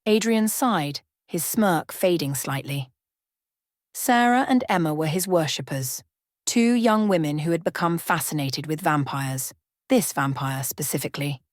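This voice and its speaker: In this bedtime ASMR reading of scripted fiction, a woman with a fairly low voice keeps a measured pace. Her words come through dry and echo-free, with scarcely any room sound.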